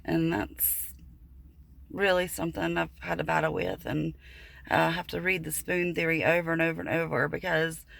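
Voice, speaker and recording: Brief: earnest woman in her thirties, halting casual vlog delivery with a gravelly edge. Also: low-pitched, fairly even intonation, a bit bright. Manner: halting, earnest, full of fillers and restarts. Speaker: vlogger. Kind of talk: casual personal vlog talk.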